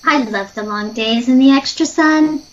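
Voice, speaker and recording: In an audio drama, a woman plays an earnest, easily frightened sister who scolds and chides. Her voice sits high at a normal pace, lightly acted, with a chiding mood and manner. The recording is dull lo-fi with faint noise.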